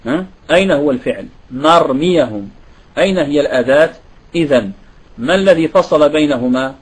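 A man's voice: fairly high pitch, animated, fairly quick, slightly rough, rough recording. A man giving a classroom grammar lesson, often asking students rhetorical questions. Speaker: Arabic grammar teacher.

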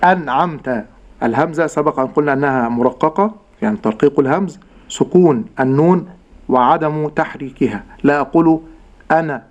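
A man teaching Quran recitation rules, explaining in a measured way and drawing out each example word slowly. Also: a little high, lo-fi sound. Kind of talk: tajweed lesson with slow demonstrations.

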